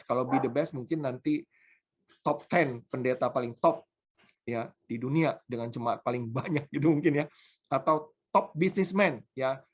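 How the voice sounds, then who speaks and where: A male pastor preaching a sermon, telling personal stories with emphasis. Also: medium pitch.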